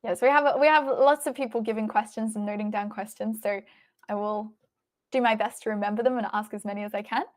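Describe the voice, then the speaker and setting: A woman's voice: mid-range voice, steady tone, brisk. An Australian-accented woman hosting a livestream, chatting casually and informally as she thinks aloud and responds to viewers. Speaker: livestream host. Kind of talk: casual livestream chat, reading and answering viewer messages.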